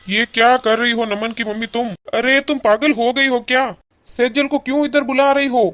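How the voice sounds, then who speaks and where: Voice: medium pitch, fairly even intonation, normal speed, a bit bright, close to an everyday voice. A voice actor playing an older cartoon father who patiently reasons with his wife. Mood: alarmed. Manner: patient, persuasive lecturing. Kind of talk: cartoon voice acting.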